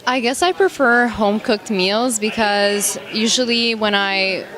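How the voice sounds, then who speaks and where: A woman of twenty answering interview questions in a thoughtful, halting way. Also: mid-range voice, a bit bright, some chatter behind. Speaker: student interviewee.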